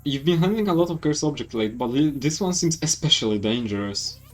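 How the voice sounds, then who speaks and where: Polish-accented man, let's play narration, fairly high voice, very animated, faint music behind. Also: fairly quick. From Poland. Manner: reads with stumbles and self-corrections. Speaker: gaming YouTuber. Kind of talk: let's play, reading game text aloud. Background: faint game music.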